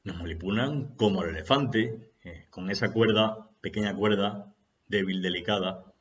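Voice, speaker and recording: A man giving an unhurried, reflective spiritual talk, posing rhetorical questions and telling a parable. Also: lowish voice, highs cut off. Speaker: spiritual speaker.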